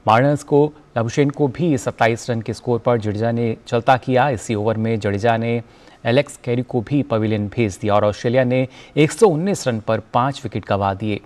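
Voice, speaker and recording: Male news anchor, formal scripted read, measured and even. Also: medium pitch.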